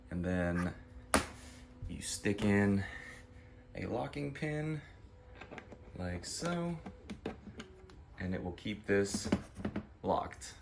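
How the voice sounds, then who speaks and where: A man with a fairly deep voice walks through a do-it-yourself project. He talks casually, like a hobbyist showing his work. Background noise is clearly audible in the recording. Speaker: hobbyist maker and vendor showing a DIY build. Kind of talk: casual spoken build walkthrough.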